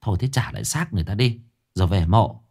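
A man voicing a stern village shamaness who scolds quickly and sharply. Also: lowish voice, gravelly, a little mellow. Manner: scolding, brisk.

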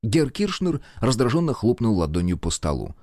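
A man narrating a novel as an audiobook reader, telling it in an expressive storytelling manner. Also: mid-range voice, moderate pace, no echo, clean studio sound. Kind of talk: scripted narration.

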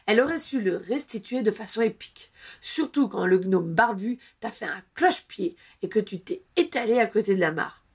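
A woman's voice: medium pitch, lively intonation, normal speed, husky. A woman reading the lines of a young man teasing his friend with mock seriousness.

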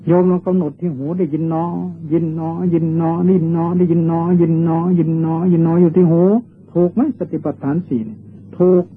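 The recording sounds like a worn tape played through a small, narrow speaker, tinny with a faint hiss beneath. On it, an older Thai monk with a fairly high male voice, slightly raised, preaches a dharma sermon, patiently teaching and repeating long, drawn-out meditation chants.

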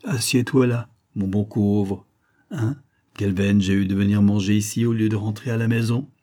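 A man's voice: lowish voice, steady tone, normal speed, mellow, natural voice. A man reading the part of a plump, naive, good-hearted man of thirty in a storybook reading, eager and effusive.

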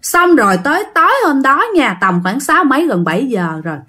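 A woman's voice: high voice, sing-song, a little fast, pushed and bright. Chatty Southern Vietnamese woman telling ghost stories. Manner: chatty, addresses listeners directly, many fillers. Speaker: storyteller. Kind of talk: casual spoken ghost story.

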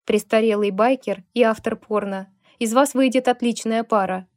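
A woman's voice: medium pitch, lively intonation, moderate pace, a little mellow, dry recording, clean studio sound, natural voice. A woman voicing a sneering, spiteful young man. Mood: jeering. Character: rude bitter young man, venomous, mocking.

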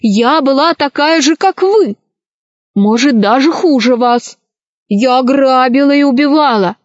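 A fickle pirate queen from a children's storybook who gushes and exclaims in a raised, fairly high voice, as a woman puts her on. She speaks slowly, and the recording is dry and slightly dull. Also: dry recording. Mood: dramatic. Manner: gushing and exclamatory.

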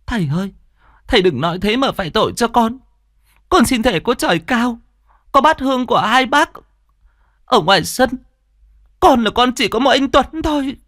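A frightened young village woman, as a man voices her in a ghost story, stammers and pleads through tears. Her voice swings up and down in pitch. The sound is close and dry. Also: lively intonation, normal speed, long pauses, fairly bright tone, no room sound. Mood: frightened pleading.

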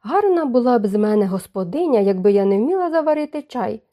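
A woman voicing a stern, sturdy housekeeper in an audiobook, speaking briskly. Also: on the high side, animated, warm tone, close to an everyday voice.

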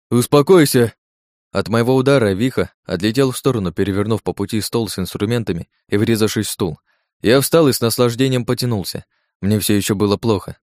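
A man with a fairly low voice reads a first-person action story in a tense, gritty style. The studio sound is dry and close, with no room at all. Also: a little mellow, no echo. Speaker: audiobook narrator. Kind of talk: first-person scripted narration.

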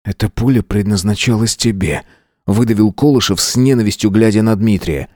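A man reading an audiobook and voicing a shaken young male teacher who speaks in a low, stunned, bitter mutter. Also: fairly quick, darkish tone, no room sound, studio quality, lightly acted.

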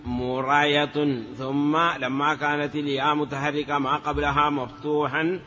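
A man's voice: fairly high pitch, level tone, sharp tone, a little hiss or hum. Male grammar teacher, chanting drills, lo-fi recording with long hall reverb. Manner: drills word forms slowly, chanting some of them, then explains them quickly; often adds a confirming "yes" (نعم). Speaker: teacher of Arabic morphology. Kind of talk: classical grammar lesson.

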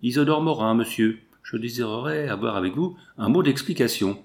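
A man voicing a pompous, self-important gentleman who protests in stiff, formal speech. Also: medium pitch, lively intonation, fairly quick, close to an everyday voice. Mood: insistent.

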